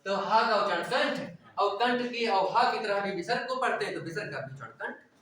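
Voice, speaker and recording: In a classroom lecture, a male teacher with a high-sitting, expressive, sharp voice talks a little fast. He poses questions and answers them himself while repeatedly checking that the class keeps up. The room is echoey and his voice sounds far away.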